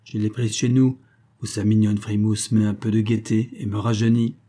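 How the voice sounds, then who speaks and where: A man voicing an aging, gruff country gentleman who hunts, speaking brusquely and commandingly. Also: on the low side, little pitch movement, normal speed, close to an everyday voice. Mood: explaining.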